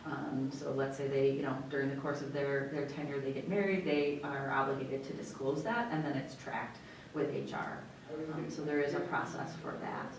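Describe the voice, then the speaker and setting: An American woman explains business as a school superintendent at a meeting. Her voice is low. The recording is very echoey and distant, with faint rumbling noise. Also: fairly even intonation, normal speed. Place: indoor meeting room.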